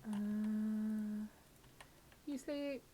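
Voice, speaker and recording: A woman with a cold, her voice slightly scratchy, medium-pitched, dark-toned and extremely slow, chats casually while live-streaming a game. She talks both to her viewers and to the game's characters.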